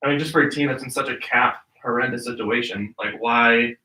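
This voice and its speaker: Fast, very bright male co-host. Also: mid-range voice, echoey room, distant mic, poor audio. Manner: quick, chiming in. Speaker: podcast co-host. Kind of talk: casual sports chat.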